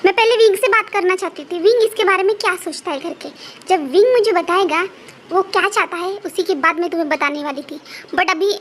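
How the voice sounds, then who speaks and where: A gentle, caring older sister who tries to calm and reassure her younger brothers, as a woman reading a story voices her. The voice is very high, with a faint hiss underneath. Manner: soothing, pleading. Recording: faint background noise.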